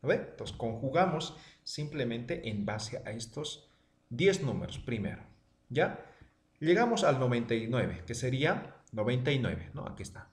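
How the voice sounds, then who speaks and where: A man's voice: very animated, normal speed, roomy sound, slight background noise. A man teaching a language lesson online, drilling words aloud and checking in with his students after almost every line. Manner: drilling words with rising then falling pitch, checking in often.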